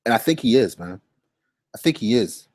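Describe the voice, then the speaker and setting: A man's voice: medium pitch, lively intonation, moderate pace, a little mellow, no echo. A man giving a casual fantasy sports breakdown, thinking aloud and repeating his picks. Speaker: daily fantasy sports analyst.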